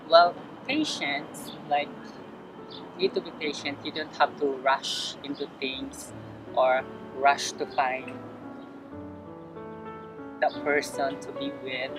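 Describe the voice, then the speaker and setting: Hesitant young woman over loud music. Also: sits low, rough recording. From Philippines. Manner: hesitant, lots of fillers and restarts. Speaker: interview guest. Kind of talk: casual interview answers. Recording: music playing clearly behind.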